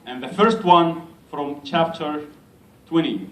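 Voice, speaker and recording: Slow-speaking imam in echoey hall. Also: male voice, on the high side. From Egypt. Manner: unhurried, gently self-mocking speaker. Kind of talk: speech at a community gathering. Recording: echoey hall, mic at a distance.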